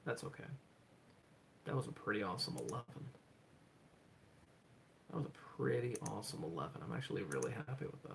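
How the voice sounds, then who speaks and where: A man livestreaming from home, chatting excitedly to himself as he goes, with lots of "hold on" and "oh my gosh". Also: on the low side, fairly quick, gravelly, pauses often, a little hiss or hum. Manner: excitable, thinks aloud, repeats "hold on" and "oh my gosh". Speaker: livestreaming speedcuber. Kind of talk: casual livestream self-talk.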